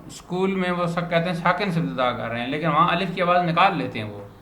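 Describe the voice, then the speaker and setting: A man teaching a grammar lesson to a student, patiently repeating words slowly as a drill. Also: a little high, expressive, bright, forceful tone. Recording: roomy echo, faint background noise.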